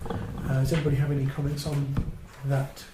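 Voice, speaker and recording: In an echoey parish council meeting room with clear background noise, an English man chairs the formal proceedings. His medium-pitched voice is completely flat and a little fast, and he conducts business politely, procedurally, and with some hesitation.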